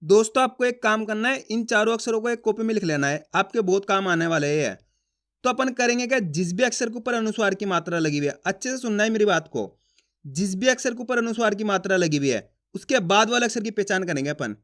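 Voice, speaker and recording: A man teaching a reading lesson, asking himself questions and answering them, sounding out syllables slowly. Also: high-pitched, animated, fairly bright tone. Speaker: Hindi teacher.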